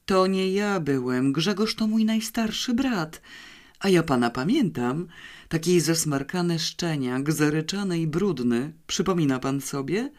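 A man's voice: on the high side, lively intonation, measured pace. A reader voicing a cheerful middle-aged man who talks exuberantly to an old acquaintance. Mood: overjoyed. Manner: exuberant, warm.

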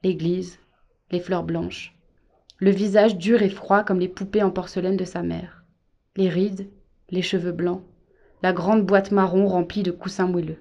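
A woman narrating a novel in a measured, gentle storytelling voice. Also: on the low side, flat delivery, vocal fry, lo-fi sound. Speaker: audiobook narrator. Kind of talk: scripted narration.

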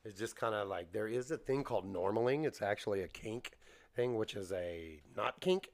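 A man co-hosting a casual podcast, rambling through halting explanations while getting over a bronchial cough. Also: lowish voice, lively intonation. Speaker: podcast co-host.

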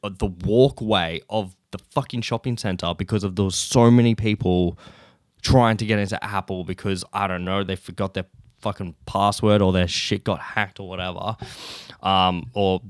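A man's voice: sits low, fairly even intonation, moderate pace, no echo, clean studio sound. A young Australian man hosting a casual solo podcast, rambling and swearing freely while sounding a little sleepy. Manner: rambling, swears often, laughs between thoughts. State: sleepy, just woken up. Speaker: podcast host.

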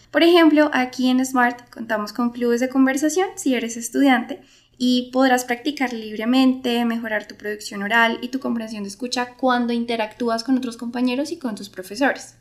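A woman, an English teacher, explaining a podcast lesson clearly and speaking straight to the listener. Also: on the high side.

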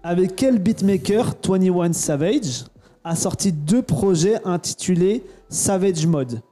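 A man's voice: sits high, expressive, takes it slowly, mellow. A man in his thirties hosting a casual podcast quiz, teasing and playful. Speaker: podcast host.

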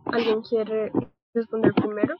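A woman's voice: a little high, monotone, unhurried, no room sound. Young Brazilian woman hosting a call. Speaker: host. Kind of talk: casual video-call panel. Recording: dry, dull lo-fi call audio.

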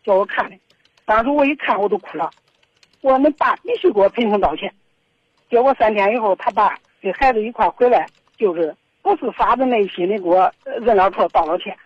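Caller: middle-aged woman, husky voice, rambling and aggrieved, heard over a dull phone line. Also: medium pitch, no echo. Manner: aggrieved, rambling with repeated restarts. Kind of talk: phone-in confession. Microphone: telephone.

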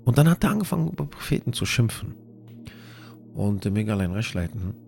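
Gravelly low-voiced man giving earnest advice. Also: very animated, brisk, a little mellow, faint music behind. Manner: earnest, repetitive, mixes in Arabic religious phrases. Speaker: host of a religious audio series. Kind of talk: informal religious advice talk.

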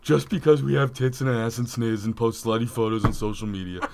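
A man's voice: mid-range voice, fairly even intonation, a little fast, vocal fry, background noise, close to an everyday voice. A man putting on a brash annoying woman. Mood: mocking.

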